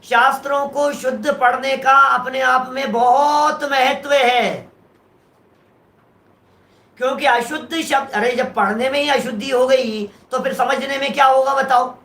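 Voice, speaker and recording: Slow, bright-voiced male scripture teacher. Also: very high-pitched, reverberant. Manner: explanatory, poses rhetorical questions to the audience. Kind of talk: scriptural lecture.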